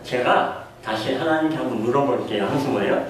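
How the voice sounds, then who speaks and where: Preacher in an echoey hall. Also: male voice, medium pitch, brisk, a little hiss or hum. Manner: asks the congregation questions and acts out quoted voices. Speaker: pastor. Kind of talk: sermon. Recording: echoey room heard from a distance.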